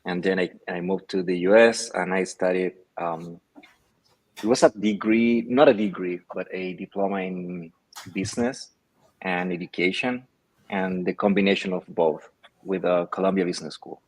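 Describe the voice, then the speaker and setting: A low-voiced Chilean man, a native Spanish speaker, answers interview questions casually as a guest and company founder. He sounds thoughtful and hesitant, using many fillers, with fairly even intonation at a normal speed. The audio is poor, coming through a video call.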